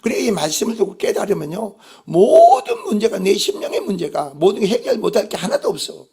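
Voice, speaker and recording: Gravelly, husky male pastor preaching. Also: high-pitched, lively intonation, quick pace, darkish tone. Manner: emphatic, asks the congregation rhetorical questions. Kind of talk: sermon.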